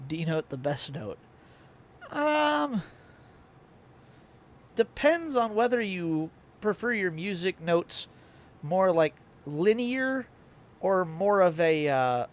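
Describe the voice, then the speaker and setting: Young male streamer, playful, animated up-and-down delivery, slightly high voice, hiccupy. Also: slow pace. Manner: playful, plays with his voice and octaves. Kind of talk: casual live-stream chat.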